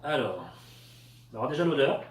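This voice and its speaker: A man's voice: mid-range voice, sing-song, normal speed, noisy background. A man from France reviewing cheap store products in a casual, hesitant way, with lots of fillers. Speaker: product tester. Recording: echoey room, voice a bit far from the mic.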